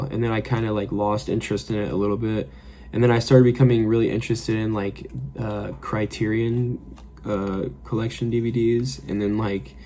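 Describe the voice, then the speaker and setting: Late 20s guy rambling and swearing, lots of like and you know, lowish warm voice. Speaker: fragrance vlogger. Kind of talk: casual reflective monologue. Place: his apartment.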